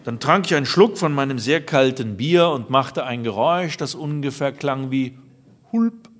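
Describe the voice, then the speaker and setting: A man's voice: mid-range voice, moderate pace, a little hiss or hum. A man reading a first-person story aloud in a dry, wry manner. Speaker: narrator.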